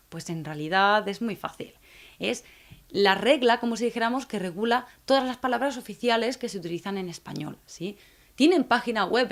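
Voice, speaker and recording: A woman from teaching Spanish to learners, speaking slowly and clearly and often checking in with the viewers. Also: mid-range voice. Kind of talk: scripted video lesson for learners.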